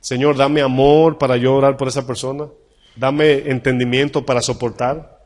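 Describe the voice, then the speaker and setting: A male pastor preaching a sermon, reading Bible verses slowly and emphatically, asking the congregation questions and acting out short dialogues. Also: medium pitch, flat delivery, a little mellow. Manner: acts out little dialogues in changed voices.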